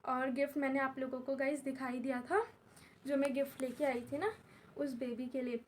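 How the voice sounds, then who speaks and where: Young female vlogger, high voice, chatty and repetitive, unwell and in pain, faint background hiss. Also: normal speed. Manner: chatty, repeats herself, addresses viewers as guys. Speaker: vlogger and tuition teacher. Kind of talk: casual vlog talk to camera. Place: at home while her mother does her hair.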